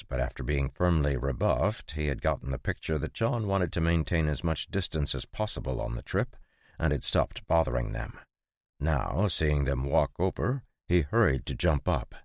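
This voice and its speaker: Very deep-voiced male audiobook narrator. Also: animated, moderate pace, dry recording, studio quality. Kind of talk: scripted narration.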